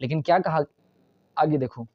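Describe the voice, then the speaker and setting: A man's voice: a little high, moderate pace, lo-fi sound. A male English grammar teacher gives a classroom lecture in Hindi mixed with English terms and keeps checking whether the students understand.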